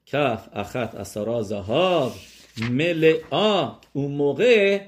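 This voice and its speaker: A man teaching a religious lesson, asking the listeners questions and answering them himself, thinking aloud with hesitations and restarts, and rising sharply in pitch and volume to stress a point. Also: animated, a little hiss or hum. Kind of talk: religious lesson on scripture and numerology.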